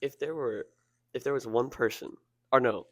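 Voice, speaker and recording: A man's voice: medium pitch, normal speed. A man interviewer casually putting questions to a guest.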